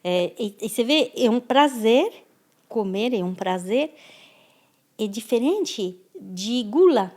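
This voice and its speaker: A woman's voice: on the high side, animated, slow, a little mellow. A French-born woman speaking as a guest in an interview, thoughtful and often restarting her words. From France. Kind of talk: conversational interview.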